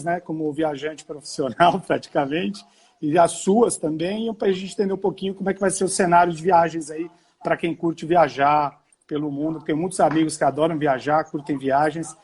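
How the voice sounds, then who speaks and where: Husky-voiced Portuguese man, university professor. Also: fairly high pitch, a little mellow. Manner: talkative, explains at length with restarts. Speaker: university professor and live host. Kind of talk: casual live-stream conversation.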